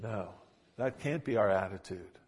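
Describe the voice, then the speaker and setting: A man preaching a sermon, retelling a story with dramatic emphasis and swings between loud and quiet delivery. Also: on the low side, animated, normal speed. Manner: dramatic retelling, acting out quoted lines.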